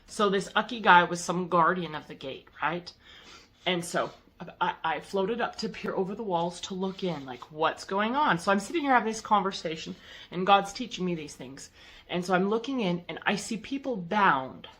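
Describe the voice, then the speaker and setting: Casual female vlogger, slightly low voice, halting and rambling storytelling. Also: lively intonation, a bit bright. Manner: rambling, halting, with many fillers and restarts. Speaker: vlogger recounting a spiritual experience. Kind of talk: casual first-person storytelling.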